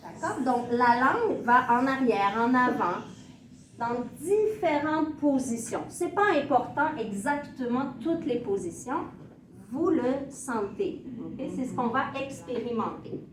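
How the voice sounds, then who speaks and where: A woman's voice: high voice, animated, a little slow. A woman teaching a class, speaking in short, simple phrases and demonstrating for learners. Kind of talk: classroom lesson. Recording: echoey classroom from far off, with room noise.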